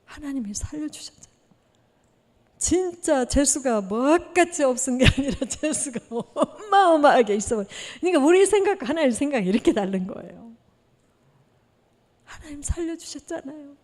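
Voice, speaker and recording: A woman missionary gives a lively testimony sermon, her voice high but warm and mellow. She tells the story with flair, acting out what each person said. The sound rings with the long reverb of a church hall. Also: normal speed. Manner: animated storytelling, acting out dialogue with gasps. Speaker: missionary preacher. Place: church sanctuary.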